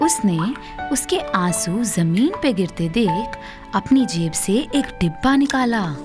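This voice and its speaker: A woman narrating a children's storybook tale in a gentle, unhurried storytelling manner. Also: mid-range voice, lively intonation, over music. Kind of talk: scripted narration.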